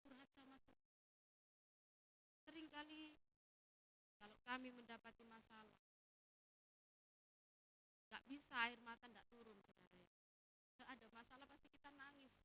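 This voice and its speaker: Woman pastor, animated sermon delivery, bright and high. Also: normal speed, pauses often, a little hiss or hum, poor audio. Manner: animated, acts out the congregation's complaints in a raised voice. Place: church.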